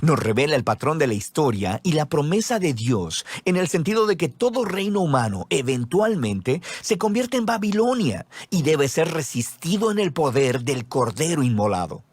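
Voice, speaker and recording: A man giving scripted explanatory narration in a measured, teaching style. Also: fairly high pitch, big pitch swings, husky, dry recording.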